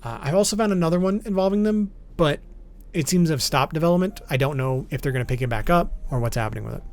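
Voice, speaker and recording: Over background music, a male host narrates an explainer video informally and matter-of-factly. He speaks quickly in a fairly high pitch.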